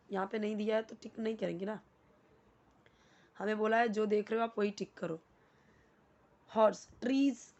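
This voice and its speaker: A woman's voice: mid-range voice, a little mellow. A woman teaching English vocabulary. She explains each word patiently, repeats it with its meaning, and asks and answers her own questions. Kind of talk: explaining English words in Hindi.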